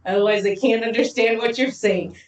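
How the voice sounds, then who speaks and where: A woman from Zambia co-hosting a podcast, telling stories quickly and lively with frequent laughs. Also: on the high side, a little hiss or hum. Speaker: podcast co-host. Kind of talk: casual chat. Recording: roomy echo, distant mic.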